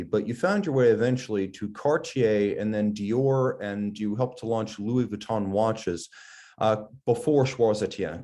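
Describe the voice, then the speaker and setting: A man hosting a podcast, who introduces his guest and asks questions in smooth, prepared remarks. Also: fairly low pitch, dark tone. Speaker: podcast host.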